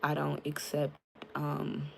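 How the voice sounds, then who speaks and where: A woman's voice: deep voice, monotone, slow, creaky, slight background noise. A young woman chatting frankly with her live-stream viewers, greeting them by name and using lots of fillers, into a tablet mic. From United States. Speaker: livestreamer.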